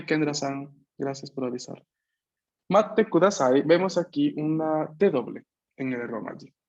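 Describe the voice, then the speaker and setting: Patient male teacher on a video call. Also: fairly high pitch. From Peru. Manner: patient, repeats and checks understanding. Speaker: language teacher. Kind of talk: online class explanation. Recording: slightly muffled video-call audio.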